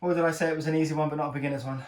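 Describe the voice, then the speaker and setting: A male fitness trainer, winded from the workout, coaches his viewers through each exercise with upbeat encouragement and wry jokes. His voice sits a little high and reaches the mic from a distance. The room around him rings with echo. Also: fairly even intonation, rapid-fire, darkish tone. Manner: encouraging, joking, breathing hard between exercises. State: out of breath. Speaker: personal trainer. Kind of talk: talking through a home workout.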